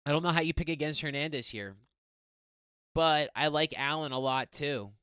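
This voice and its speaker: Young male host, excitable, slangy, rambling; slightly high, smooth voice, dry close mic. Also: no echo. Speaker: MMA fight picks host. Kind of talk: casual fight preview monologue.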